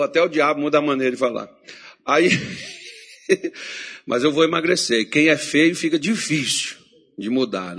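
A man's voice: fairly high pitch, fairly bright tone, breathy edge. A man preaching a sermon, telling a story and acting out the voices of the people in it.

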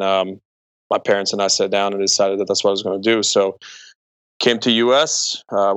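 The podcast guest, a Croatian entrepreneur and speaker in his forties, has a fairly low, clear and resonant voice. He talks casually about himself and his experiences in an interview, and the recording is dry.

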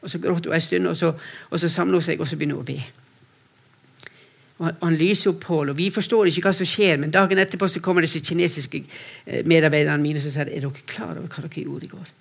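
This sermon with personal stories comes from a preacher representing a mission to persecuted Christians, a man whose voice is high and gravelly. His tone stays steady, though he speaks earnestly, swings from soft to loud, and repeats words as he restarts.

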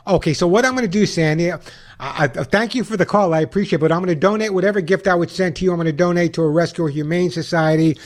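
A man's voice: high voice, fast. A man hosting a radio call-in show, giving advice and reading sponsor spots in a conversational way. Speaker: radio pet show host and caller adviser. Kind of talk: talk radio, advice and scripted sponsor reads.

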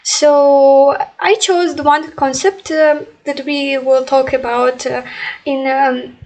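Slow, high-voiced woman podcast host. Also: steady tone, a little mellow, rough recording. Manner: hesitant, many fillers. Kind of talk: casual podcast interview.

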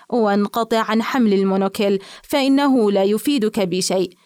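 A woman's voice: mid-range voice, darkish tone, no echo, studio quality, close to an everyday voice. A woman voicing a drunken, teasing colonial man at a party in an audiobook reading, pleading and confiding in mock humility.

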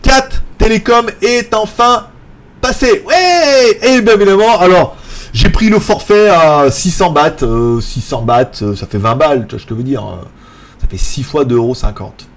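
A man hosting a casual tech live stream, rambling and joking, laughing often and mimicking other people in a high voice. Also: lively intonation, moderate pace. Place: apartment in Thailand.

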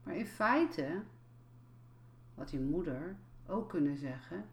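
Woman coach, low voice, very slow, calm, explanatory, repeats phrases. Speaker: life coach. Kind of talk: reflective spoken talk.

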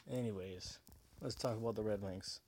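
A low-voiced man talks as if into his own podcast, clearly drunk. He rambles casually, circles back over the same phrases and swears freely. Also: slight background noise. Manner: rambling, profane, repetitive. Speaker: podcast host. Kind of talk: casual sports podcast monologue.

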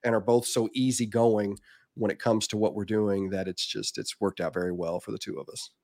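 A man's voice: on the low side, fairly even intonation, a little fast, a little mellow, no room sound. A man with a southern Indiana accent near the Kentucky border, chatting casually and candidly as a podcast guest. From southern Indiana, United States. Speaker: podcast guest, reptile business owner.

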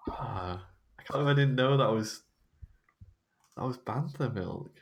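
A man's voice: mid-range voice, measured pace, husky, dull audio. A man co-hosting a casual film chat, easygoing and agreeable. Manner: easygoing, agreeable, laughs along. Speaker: podcast co-host. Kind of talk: casual chat about films.

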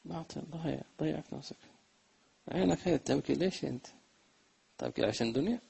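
A man giving a religious lesson, chanting lines of verse slowly and then explaining them in quick, plain talk. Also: a little high, gravelly, warm tone, slightly rough, low-quality recording. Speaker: religious teacher.

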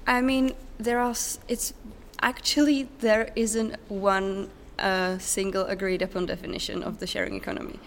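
With ambient noise and a distant sound check behind her, a young Czech woman who recently graduated gives an interview in English at a conference venue. She's hesitant and reflective yet conversational, talking at normal speed with few pauses in a gravelly mid-range voice that barely shifts pitch.

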